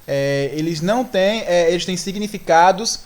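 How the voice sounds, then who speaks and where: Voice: medium pitch, expressive, normal speed. Brazilian Portuguese accent, teacher, recorded lesson, explains step by step, keeps asking if students follow. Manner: explains step by step, often asks "né?" and "tá certo?".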